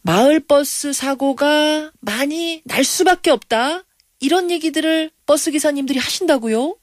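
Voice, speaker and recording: A woman's voice: high voice, a little slow, no room sound, clean studio sound. A woman radio news host interviewing in an inquisitive, emphatic manner. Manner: inquisitive, emphatic, reacting with surprise. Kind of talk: broadcast interviewing.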